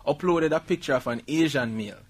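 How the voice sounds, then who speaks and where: A man's voice: a little high, quick pace. A middle-aged Jamaican man hosting a talk show, reading news items and riffing on them with Patois asides. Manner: reads headlines then riffs with laughter, Jamaican Patois asides. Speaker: radio show host reading news stories. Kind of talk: casual comedic news banter.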